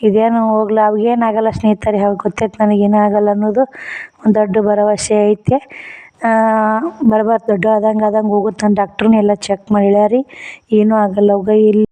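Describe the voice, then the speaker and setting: A woman's voice: medium pitch, completely flat delivery, fairly quick, mellow, poor audio. A woman, a village shopkeeper chatting casually to her viewers in a daily vlog and often calling them friends.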